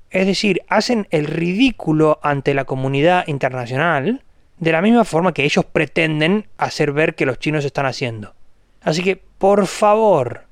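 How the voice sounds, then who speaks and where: A man delivering an opinionated solo monologue as a podcast host, scornful and indignant, slowing down to spell out words with heavy emphasis. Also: fairly high pitch, no room sound, clean studio sound.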